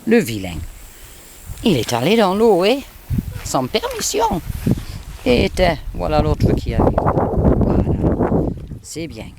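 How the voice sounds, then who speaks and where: A man's voice: a little high, big pitch swings, slow pace, creaky, pauses often, background noise. A man filming by a lake outdoors on a camcorder, talking to his dogs in coaxing, cooing baby talk with sing-song exclamations. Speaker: dog owner filming a home video.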